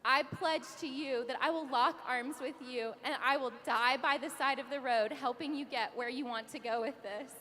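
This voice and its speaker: A woman's voice: high-pitched, fairly even intonation, moderate pace, hardly any pauses, pushed and bright, a little hiss or hum. A young woman in her twenties giving a heartfelt, emotional recognition speech on stage, sometimes laughing through tears. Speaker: award speaker. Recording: reverberant hall with audience.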